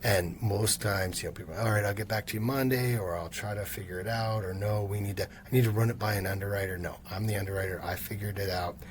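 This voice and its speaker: A man's voice: on the low side, fast talker, few pauses, a little hiss or hum. A man in his fifties, a mortgage lender guest, telling work stories and acting out what customers said. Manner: animated storyteller who acts out quoted customers. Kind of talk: casual storytelling interview.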